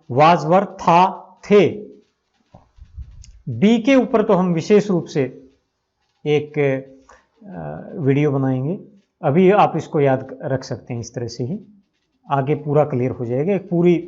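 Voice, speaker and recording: Slow, methodical male English teacher. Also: on the high side, a little mellow, muffled recording. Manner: repeats each verb form and gives Hindi meanings. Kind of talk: slow, methodical grammar lesson.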